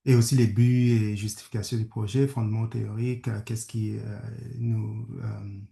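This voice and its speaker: A guest speaker, a conflict studies professor from Kenya whose first language is English, gives a hesitant webinar presentation with a French accent. His lowish, gravelly, warm voice has a flat delivery, and he halts often, with many fillers and restarts. He's heard over a video call from an echoey room.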